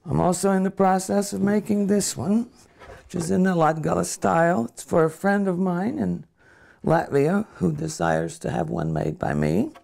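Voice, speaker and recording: An instrument maker speaks in a gravelly, mid-range voice about pieces in progress. The talk is quiet and reflective. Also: mid-range voice, lively intonation, moderate pace. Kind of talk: interview.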